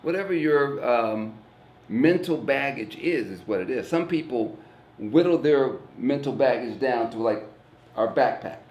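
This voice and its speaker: A guest comedian from East St. Louis, Illinois, speaks earnestly and plainly in a casual, reflective conversation, with a medium-pitched, slightly mellow voice that's animated and a little slow. He swears casually and repeats words while he thinks. The recording has a roomy echo.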